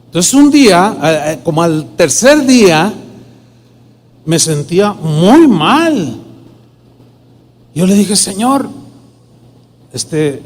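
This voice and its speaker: A man's voice: high voice, very animated, takes it slowly, pauses often. A man, a pastor telling a personal testimony in a sermon and acting out the dialogue in quoted voices. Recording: long hall reverb.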